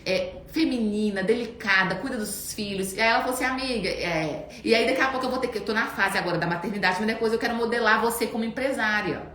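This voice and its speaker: Animated woman host in her thirties, fast and lively, echoey room. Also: a little high. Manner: animated storytelling. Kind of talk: casual chat. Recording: echoey room, faint background noise.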